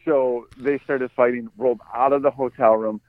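A relaxed American man recounts a wild story, chuckling between lines. His voice sits at an average pitch. The audio is dry and narrow, like a phone line. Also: normal speed, no room sound. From United States. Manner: laid-back, chuckles through his story. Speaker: podcast co-host. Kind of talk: casual storytelling.

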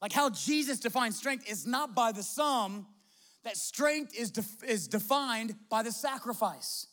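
Male pastor, Midwestern American accent, very high voice, fervent sermon with rhetorical questions. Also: animated, measured pace, a bit bright. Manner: impassioned preaching with repeated restarts and rhetorical questions.

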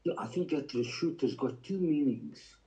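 A man in a study group, calmly explaining a point of text study while heard over a video call. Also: mid-range voice, moderate pace, dull audio.

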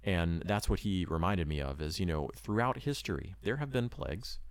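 An earnest man with a deep voice who talks in loose, rambling sentences full of hedges. He speaks casually beside his wife about moving abroad as a missionary. The recording is dry and close. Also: lively intonation, normal speed, smooth, dry recording. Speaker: missionary preparing to move abroad. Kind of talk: casual talk to camera.

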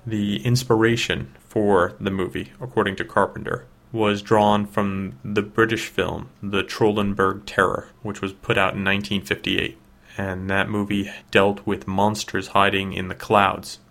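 A man's voice: fairly low pitch, level tone, a little slow, a bit bright. A man hosting a film review, reading scripted narration about film history.

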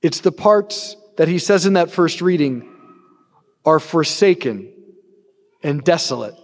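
A priest with a high voice preaches a casual, lively homily. He acts out snippets of everyday talk. His words ring out with a long reverb trailing behind them. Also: measured pace. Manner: conversational, animated preaching with acted-out quotes. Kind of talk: sermon.

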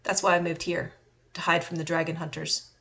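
A woman reading the lines of a calm, secretive man who keeps dragons, explaining things matter-of-factly. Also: lowish voice, fairly quick, vocal fry. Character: calm, secretive adult male dragon collector.

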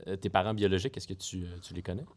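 A man hosting an interview, asking measured questions with some fillers. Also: low-pitched, little pitch movement. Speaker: interviewer host.

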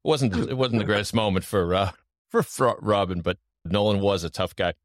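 A man's voice: lowish voice, normal speed, dry recording, clean studio sound. A man hosting a casual podcast, asking quiz-style questions in an upbeat, joking way. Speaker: podcast host.

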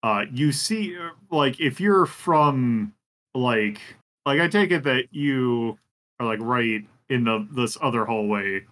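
Man, game master, tabletop narration, halting, lots of fillers, mid pitch. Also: animated, a bit bright. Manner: halting, many fillers and restarts.

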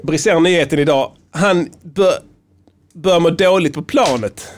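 Man, podcast host, casual banter, rambling, profane, slightly raised pitch. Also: slight background noise. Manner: rambling, profane, storytelling with frequent restarts.

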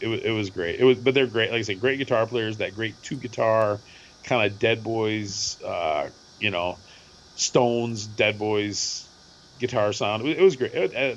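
A middle-aged man with a hoarse voice, co-hosting a podcast and telling a rambling, animated story with lots of repeats. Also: medium pitch, lo-fi sound, a little hiss or hum. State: hoarse from screaming at a concert. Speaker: podcast co-host. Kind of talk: casual chat.

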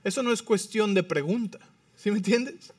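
High-voiced pastor preaching with energy. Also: male voice, normal speed, no echo, distant mic. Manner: animated preaching, frequent "¿sí?" check-ins. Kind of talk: sermon.

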